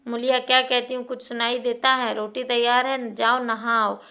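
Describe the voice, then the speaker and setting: A woman's voice: a little high, flat delivery, moderate pace, pushed and bright. A woman voicing a young village wife who speaks in a scornful, taunting way. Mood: impatient. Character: Mulia, young wife, sharp-tongued and scornful.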